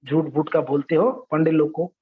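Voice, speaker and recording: A man's voice: fairly high pitch, fairly even intonation, normal speed, slight background noise, pitched below the performer's own voice, lightly acted. A man voicing a skeptical foreign visitor who mocks the priests and accuses them of faking their rituals. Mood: scornful. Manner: mocking, accusing. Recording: dull, roomy sound.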